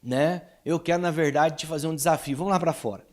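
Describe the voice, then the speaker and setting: A man with a Brazilian accent voicing a calm, patient father speaking gently to his son. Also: on the high side, brisk, close to an everyday voice.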